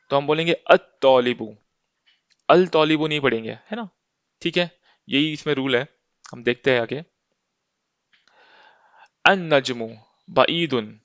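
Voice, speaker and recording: A man's voice: mid-range voice, a bit bright, no echo, highs cut off. A man teaching an Arabic lesson step by step, patient and often checking in with his listeners.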